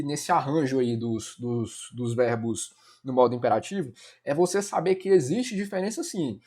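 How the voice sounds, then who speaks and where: A Brazilian man with a slightly high voice walks through grammar exam questions. He keeps it informal and chatty, checks in with listeners constantly and calls them "galera" like a friendly tutor. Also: a little mellow. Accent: Brazilian Portuguese. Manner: casual, addresses students as "cara" and "galera", many fillers like "né". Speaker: Portuguese teacher. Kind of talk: exam-prep grammar lesson.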